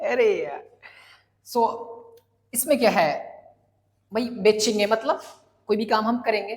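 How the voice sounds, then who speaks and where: A man's voice: high voice, big-room sound. A man from Jaipur teaching a casual spoken English lesson, playful and joking, often asking rhetorical questions. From Jaipur, India.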